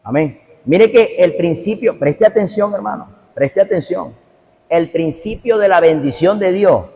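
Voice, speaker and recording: A male pastor delivers a fervent sermon, repeating his key phrases and turning to his hearers by name. His voice sits slightly high for a man. The recording trails off in a long, echoing hall reverb. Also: a little mellow. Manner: emphatic and repetitive, addressing listeners directly. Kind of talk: preached sermon.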